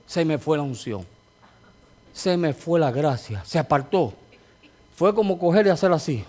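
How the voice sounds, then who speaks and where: A man's voice: fairly high pitch, expressive, normal speed, warm tone. A man preaching a sermon as a pastor, telling a testimony with rising fervor.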